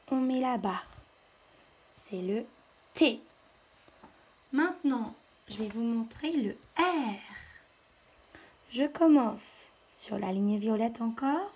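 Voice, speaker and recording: A woman's voice: fairly high pitch, mellow, husky. A woman teacher giving a patient, step-by-step handwriting lesson to young children. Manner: slow, patient step-by-step instruction.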